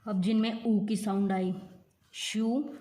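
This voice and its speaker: A woman teaching a shorthand lesson step by step, saying each word and letter slowly and repeating them. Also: mid-range voice, fairly even intonation, warm tone.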